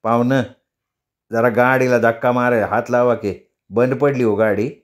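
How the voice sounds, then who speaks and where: A male storyteller playing a hot-tempered village taxi driver, blustering and quick to snap. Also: medium pitch, fairly even intonation, natural voice. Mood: chatty.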